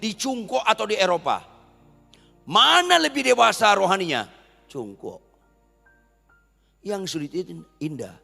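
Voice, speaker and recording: Lively high-voiced preaching man. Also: gravelly, big-room sound. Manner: animated, asks the congregation questions and answers them. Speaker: pastor. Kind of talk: sermon.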